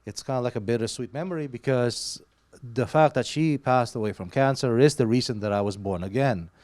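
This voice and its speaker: A man at a church service sharing a personal testimony into a handheld microphone, hesitant with many pauses and fillers. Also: medium pitch, a little mellow. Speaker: church member giving testimony.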